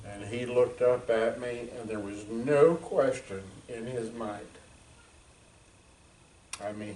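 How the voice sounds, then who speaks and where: A man in his seventies, a veteran, giving a frank, reflective talk to an audience with many pauses and fillers. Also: medium pitch, a little mellow, distant mic, slight background noise. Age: 70s. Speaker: veteran speaker. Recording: echoey room, voice from afar.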